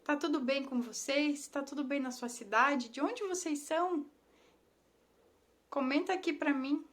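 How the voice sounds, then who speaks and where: Woman in her 30s, high voice, slow easy talk, greets everyone by name on her live. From Brazil. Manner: warm, affectionate, greets viewers by name. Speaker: Instagram live host, ThetaHealing instructor. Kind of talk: casual live stream chat, greeting viewers. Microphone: phone or laptop mic on a live stream.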